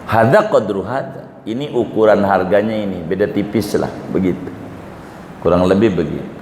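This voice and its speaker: A male religious teacher with a lowish voice and a darkish tone gives an Islamic study lecture at a moderate pace. He walks through Arabic terms step by step and quizzes his audience. The recording sounds like an echoey hall with faint ambience and slight background noise.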